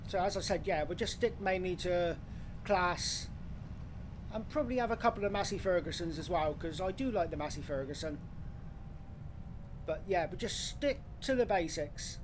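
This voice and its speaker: Blokey man, higher-pitched voice. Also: moderate pace, background noise. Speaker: live streamer. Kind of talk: casual game livestream commentary.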